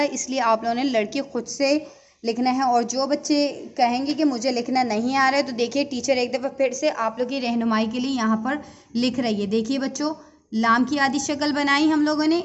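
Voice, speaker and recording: A woman teacher leads an online writing lesson for young children, speaking patiently and checking in with them often. Her voice sits a little high. The recording sounds dull and lo-fi. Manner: patient, slow teacher talk with repeated checks.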